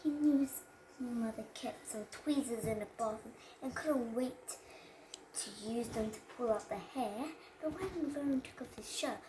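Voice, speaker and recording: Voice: mid-range voice, unhurried. A child reads a children's story aloud, stumbling over words and going back to repeat phrases. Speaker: child reader presenting a storybook. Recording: roomy echo with background noise.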